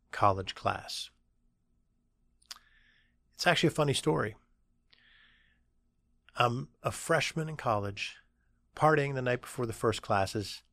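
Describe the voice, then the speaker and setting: A man's voice: medium pitch, fairly bright tone, no echo, studio quality. A middle-aged man hosting a podcast, telling a story in a casual, conversational way, with fillers and asides. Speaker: podcast host and agency CEO.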